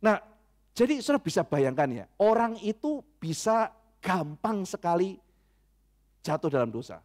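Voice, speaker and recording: A middle-aged man, a pastor, preaching a sermon and telling a story with lively acted-out quotes. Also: high-pitched, moderate pace.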